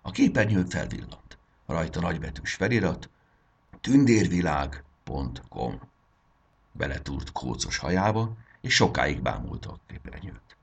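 A man reading a children's fairy tale aloud, expressive and gentle. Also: a bass voice, gravelly, husky. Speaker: storyteller.

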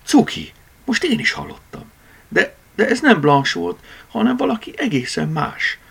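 A man voicing a proud, quick-tempered male tomcat in an audiobook, anxious in manner. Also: on the low side, huge pitch swings, a bit bright, breathy edge, voice pushed up, heavily acted.

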